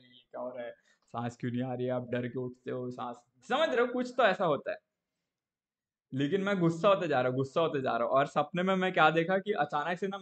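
Animated young man telling stories on stream. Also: on the high side. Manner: animated storyteller who keeps checking in with viewers. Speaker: live-stream gamer. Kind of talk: casual live-stream chat.

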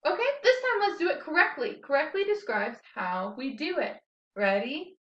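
A young woman teaching children a grammar lesson, slow and clear, cheerful as she leads a sing-along dance chant. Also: sits high, expressive, fairly bright tone, reverberant, lo-fi sound.

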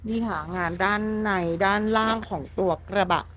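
A woman's voice: medium pitch, fairly even intonation, normal speed, a bit bright, a little hiss or hum. A woman presenting a walkaround of a customized truck at a workshop. She talks in a chatty, enthusiastic, polite way. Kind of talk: walkaround vehicle showcase.

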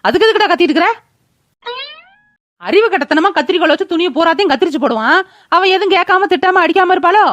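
A woman voicing a sharp-tongued old grandmother who scolds her son, in a cartoon. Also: very high-pitched, no room sound. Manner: scolding, rapid-fire. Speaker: mother-in-law. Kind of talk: cartoon voice acting.

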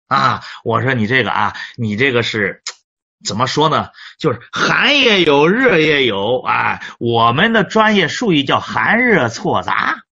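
A man's voice: mid-range voice, big pitch swings, a little slow, creaky, bright, forceful tone, husky. A middle-aged man, a Chinese medicine teacher telling a clinic story in a lecture, often repeating and restarting words. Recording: dull lo-fi recording.

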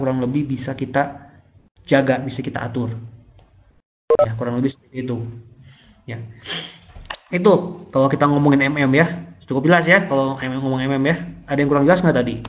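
A man presenting a trading webinar, explaining in a casual, chatty way with many fillers. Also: mid-range voice. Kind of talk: live webinar lecture. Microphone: laptop microphone. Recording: tinny phone-like webinar audio.

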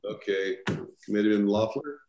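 A man with a low voice chairs a city committee meeting in a roomy council chamber. He talks informally and pauses often on fillers as he runs through votes and questions. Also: a little mellow, slight background noise.

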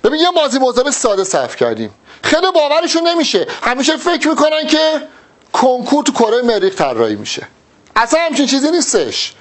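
Teacher: high, animated man, Persian-accented, coaching a student through verb drills. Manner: drills verb forms, addressing the student directly. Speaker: Arabic teacher. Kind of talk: recorded exam-prep lesson.

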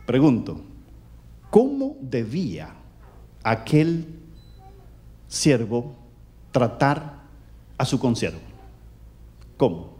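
Loud, animated Caribbean preacher man. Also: drawn-out words, long pauses, slightly rough. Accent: Caribbean Spanish. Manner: animated, loud, swings between booming and hushed. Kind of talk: sermon.

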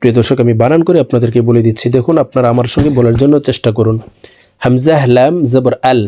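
A man's voice: medium pitch, warm tone, highs cut off. A man with a Bangladeshi Bengali accent teaching Quran recitation syllable by syllable, patiently repeating each sound and drawing the words out for learners to copy. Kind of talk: spelling-out Quran lesson, slow drawn-out recitation.

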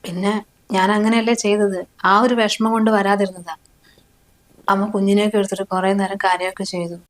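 A woman's voice: mid-range voice, flat delivery, brisk, natural voice. An actress playing a young wife and mother who pleads with her husband in a family short film. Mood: pleading.

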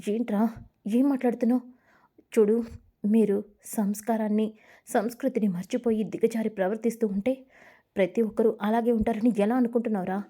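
A woman's voice: fairly high pitch, fairly even intonation, a little fast, pauses often, mellow, lightly acted. A woman voicing a young wife who pleads and scolds in a spoken story. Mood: scolding. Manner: firm, pleading. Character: young wife, upright and wounded.

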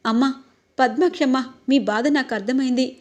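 A woman voicing a humble, gentle young wife who speaks politely. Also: high-pitched, brisk, lightly acted.

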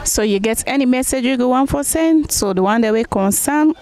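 A young woman with a Sierra Leonean Krio accent, briskly interviewing people on a town street with a handheld mic. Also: sits high, expressive, darkish tone, slight background noise. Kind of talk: vox pop street interview.

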